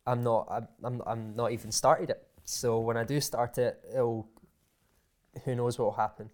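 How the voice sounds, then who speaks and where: Here a male interview guest with motivational-speaking ambitions talks casually at normal speed, his medium-pitched voice slightly mellow and barely moving in pitch. Frequent hesitations and repeated words mark his restarted sentences.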